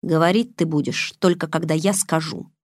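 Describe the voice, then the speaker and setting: A woman reading the lines of a smooth, menacing man on the phone, calm and mocking. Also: sits low, moderate pace, dry recording, studio quality.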